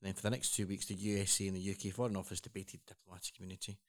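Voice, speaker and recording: A man's voice: low voice, level tone, racing. A man co-hosting a casual news chat, earnest and rambling with frequent restarts. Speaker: co-host.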